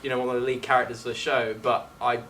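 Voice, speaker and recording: A late-teens English student actor chats in a casual interview, effusive and informal, often saying "like". His voice is medium-pitched, level, quick, and sharp-toned. A distant mic catches faint background noise.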